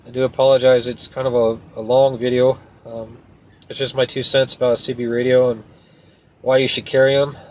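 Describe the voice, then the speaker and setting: Talking to his viewers in a loose, rambling vlog, this trucker sounds folksy, plain, and a little hesitant. He has a mid-range voice at normal speed, captured in a rough recording with steady, clear background noise.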